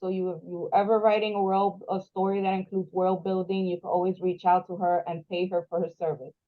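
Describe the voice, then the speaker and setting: A woman's voice: lowish voice, flat delivery, brisk, phone-quality sound. A woman organizing an online writing workshop, speaking in a friendly, chatty way. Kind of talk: casual hosting.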